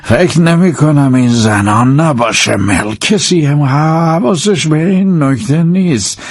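A man's voice: fairly high pitch, slightly rough, dry recording, clean studio sound. A man voicing a male detective who speaks with urgent insistence in an audiobook. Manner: pleading, insistent. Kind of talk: audiobook character voice.

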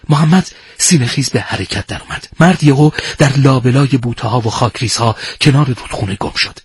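A man reads a dramatic war story aloud at a measured, hushed pace. His voice is husky and mid-pitched, and the recording is dry with no room sound. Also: dry recording.

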